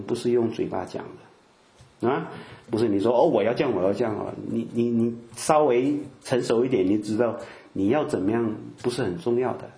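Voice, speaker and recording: A man's voice: fairly low pitch, warm tone, echoey room. An older man giving a conversational sermon, full of filler particles and acted-out quotes. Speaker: preacher.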